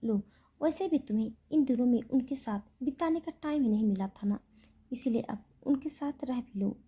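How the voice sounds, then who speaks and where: A tender, protective young man speaks softly and reassuringly, as a woman narrator puts him on. The voice is very husky and breathy, mellow in tone and sits fairly high. It keeps a calm, coaxing manner throughout the storybook scene. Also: moderate pace.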